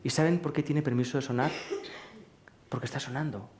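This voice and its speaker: A man giving a live talk to an audience in a large hall, speaking in a questioning, rhetorical way and gently teasing his listeners. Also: mid-range voice, fairly even intonation, fairly quick, background noise. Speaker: speaker at a public lecture. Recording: roomy hall echo.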